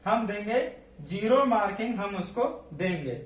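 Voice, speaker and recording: A man's voice: sits high, lively intonation, a little slow. A man teaching a nursing class as a lecture, asking questions and then answering them himself. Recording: echoey room, voice from a distance.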